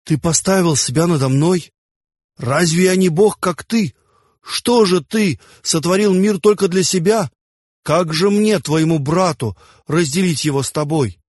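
A man with a husky voice playing a furious, jealous male god who growls his accusations at his brother in an audiobook. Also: a little high, unhurried, darkish tone, no echo, clean studio sound, pitched above the performer's own voice.

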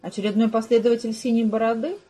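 A gentle, concerned young wife, voiced by a woman narrator, slightly lighter than the narration. Her questions come softly. The voice keeps a mellow, husky grain. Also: on the high side, steady tone, fast. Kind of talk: audiobook character voice.

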